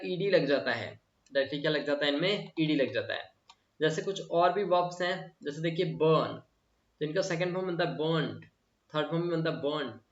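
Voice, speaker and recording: A man teaches grammar in a slightly high voice. He repeats each word and asks the students questions. The sound comes from a distance in a room with strong echo, and it is dull. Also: a bit bright. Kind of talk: classroom lesson.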